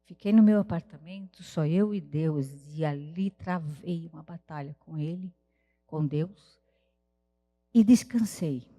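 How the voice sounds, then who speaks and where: A missionary woman gives an earnest, heartfelt sermon testimony with prayerful pauses at a church service. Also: low-pitched, dark tone. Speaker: missionary preacher. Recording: reverberant church hall.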